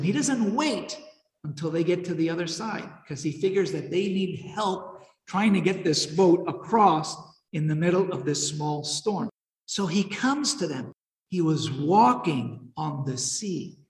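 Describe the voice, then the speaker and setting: A man teaching a Bible lesson in a conversational way, often asking listeners questions and retelling the story with energy. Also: sits high. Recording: echoey hall.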